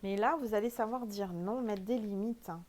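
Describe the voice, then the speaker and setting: A woman's voice: mid-range voice, normal speed, a little mellow. A woman with a French accent doing a casual spiritual oracle card reading, chatty and emphatic, with many fillers.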